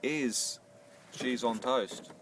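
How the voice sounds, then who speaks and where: A home baker from a camper van kitchen chats unscripted as he cooks, speaking very slowly in a medium-pitched Northern Irish voice. He hesitates and repeats words when starting phrases, and the distant mic picks up faint background noise.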